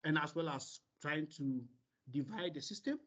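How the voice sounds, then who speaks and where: A man's voice: on the high side, animated, fairly bright tone. Man moderating over a video call. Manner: halting, with many pauses and "I mean" fillers. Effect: heard over a video call. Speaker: seminar moderator. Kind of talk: relaying questions and explaining. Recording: dull lo-fi meeting audio.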